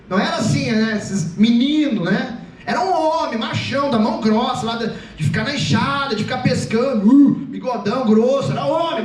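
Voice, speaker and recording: Youth preacher, playful and animated, heard from afar in an echoey hall. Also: male voice, very high-pitched, recorded from a distance. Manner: animated, joking, acts out voices. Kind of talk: lively comic youth sermon. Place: church hall.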